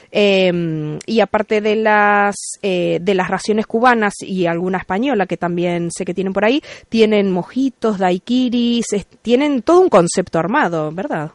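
A woman's voice: mid-range voice, no room sound. Galician radio host woman, dry sound. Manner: friendly, leading questions. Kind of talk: radio interview.

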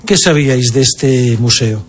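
A man's voice: mid-range voice, a little slow. A man from Spain interviewing a guest, friendly and joking as he asks his questions.

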